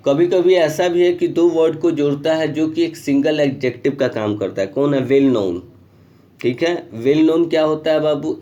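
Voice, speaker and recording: Mellow-voiced male teacher explaining grammar. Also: medium pitch. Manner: explains patiently, repeats "ठीक है" and calls students "Babu"; reads English rules slowly word by word. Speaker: school English teacher. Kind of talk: grammar lesson in Hindi over screen recording. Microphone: screen recorder mic.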